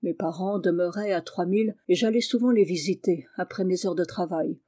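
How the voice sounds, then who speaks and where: A reader voicing a gentle, earnest young man. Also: mid-range voice, fairly quick, no room sound, studio quality, close to an everyday voice. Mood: confessional. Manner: earnest, grave. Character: gentle, timid young man, former bank clerk. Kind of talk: audiobook reading.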